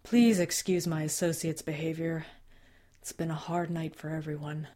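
Woman voicing a calm, deadpan male agent. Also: low voice. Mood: measured. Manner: measured, deadpan and careful. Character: calm, formal male agent, measured and serious.

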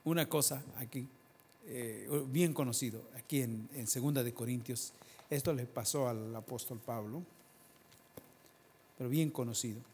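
A man delivering a sermon in a plain, middle-pitched voice, talking with the congregation and now and then pushing to loud, emphatic peaks. His words ring out with a long reverb, as in a large church hall. A faint noise sits under the recording. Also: normal speed. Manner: conversational preaching, rising to loud emphatic peaks, asks the congregation questions. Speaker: preacher.

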